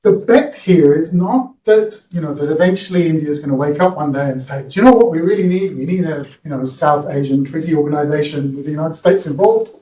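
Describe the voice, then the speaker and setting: Professor answering questions in a roomy hall. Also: male voice, fairly high pitch, fairly quick, hardly any pauses, warm tone. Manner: conversational, peppered with "you know" and "right?". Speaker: guest speaker, professor. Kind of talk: public lecture Q&A answer. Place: lecture hall at a public event. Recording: roomy hall, picked up from a distance.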